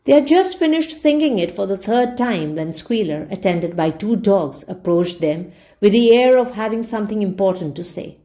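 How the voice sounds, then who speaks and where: A woman reads a story aloud in the manner of an English teacher, stopping to explain what words mean as she goes, much like an audiobook. Her mid-range voice is expressive and warm, and she keeps a moderate pace.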